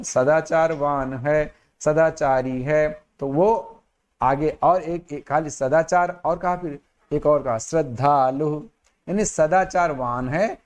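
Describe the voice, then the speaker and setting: A man teaching Sanskrit grammar who explains each word in Hindi, repeats phrases, and recites verses slowly. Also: a little high. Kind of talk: slow explanatory lesson with recitation.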